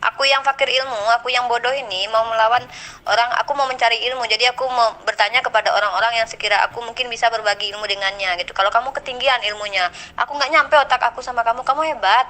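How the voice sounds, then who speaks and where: A young woman in a heated religious debate, speaking in a high, bright voice. She teases and mocks her opponent and keeps repeating the same words. Her tone stays pointed and combative. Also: fairly even intonation, fast, rough recording. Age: young adult. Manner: teasing, repeats "Pak" mockingly.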